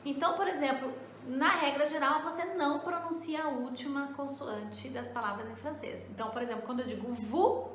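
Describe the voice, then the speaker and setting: A woman's voice: high voice, fairly bright tone, slight background noise. Patient woman teaching in an echoey room. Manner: explains patiently, checks in with "né?" and "tá?", slows down to model pronunciation. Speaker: French teacher. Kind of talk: casual spoken lesson.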